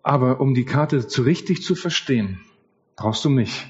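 A preacher putting on a gentle kindly guide. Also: male voice, medium pitch, moderate pace, muffled recording, lightly acted. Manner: soft, calm and kindly. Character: kind gentle male guide.

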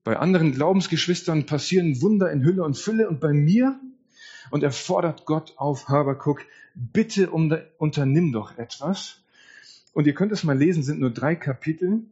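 A man delivers a sermon slowly and deliberately, voicing the quoted laments with real feeling. His voice sits a little high and sounds somewhat husky. The recording is dull and lo-fi. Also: animated, mellow. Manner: slow, deliberate preaching, dramatizes scripture quotes with rising emotion. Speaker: preacher.

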